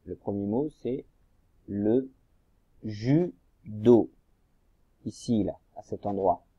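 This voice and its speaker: A man's voice: fairly low pitch, normal speed, warm tone, husky, dry recording, highs cut off. A man teaching young children a reading lesson, patiently guiding them through workbook exercises and spelling out syllables. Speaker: primary school teacher.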